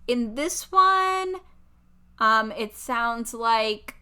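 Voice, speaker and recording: Young woman podcast co-host, bright voice, chatty and animated, casual talk. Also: on the high side, very slow, clean tone. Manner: chatty, lots of "like", animated asides. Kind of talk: casual chat.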